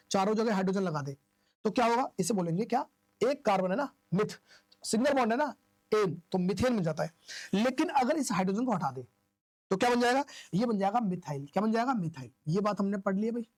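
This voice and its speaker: A man's voice: high-pitched, no echo. A male teacher giving a classroom-style lecture. He asks questions, answers them himself and repeats the key terms in an informal, coaxing way.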